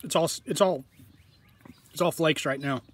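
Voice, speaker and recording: A man talking casually to his viewers in a tasting vlog, rambling in a relaxed way. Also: fairly high pitch, measured pace, breathy edge. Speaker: food reviewer.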